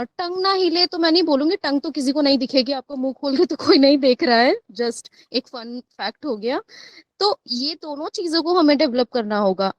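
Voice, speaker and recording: A woman's voice: high-pitched, fairly bright tone, no echo. A woman taking part in an online class, sharing her points at length and switching between Hindi and English. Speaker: participant.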